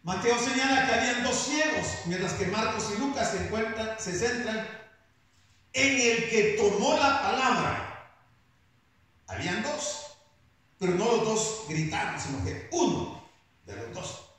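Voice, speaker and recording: A man preaching a sermon, slow and emphatic, rising now and then into shouts. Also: sits high, animated. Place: church hall. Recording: very echoey hall, voice picked up from a distance.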